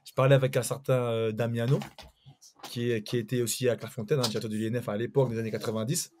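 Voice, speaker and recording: A man's voice: medium pitch, level tone, fast talker, darkish tone, slight background noise. A man from Paris, a former footballer, telling a long story in a casual chat with some hesitation. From Paris, France. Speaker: former footballer, panel guest.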